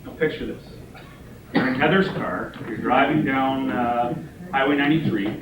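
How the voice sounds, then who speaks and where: A man's voice: medium pitch, moderate pace. Joking man presenting from far off. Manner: joking, relaxed, many ums and laughs. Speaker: presenter teaching car games. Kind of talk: informal class presentation. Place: room with a small group. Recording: echoey room from far off, noisy.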